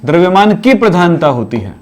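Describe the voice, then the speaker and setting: A man's voice: high-pitched, sing-song, a little fast. A man teaching chemistry in a classroom, urging students to study every day in a repetitive, exhorting way. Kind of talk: classroom lecture.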